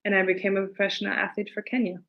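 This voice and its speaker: Measured, friendly woman guest. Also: mid-range voice, monotone, dull audio. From Germany. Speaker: guest, fencer. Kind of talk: interview answers.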